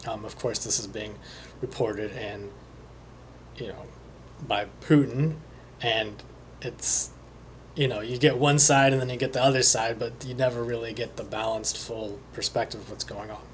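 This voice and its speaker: A man talking alone as a psychic reader, slowly and hesitantly, with many pauses and fillers. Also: on the low side, a little hiss or hum. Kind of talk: solo monologue.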